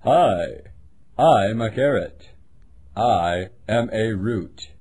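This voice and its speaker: Man voicing a very slow, husky talking vegetable. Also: fairly low pitch, expressive, darkish tone, full character voice. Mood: slow, friendly. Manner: talking vegetable, drawn-out introduction. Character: slow, low-voiced talking carrot in educational cartoon.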